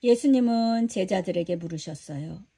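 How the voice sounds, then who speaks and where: A woman narrating a children's Bible story in a slow, clear way. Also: medium pitch, dark tone.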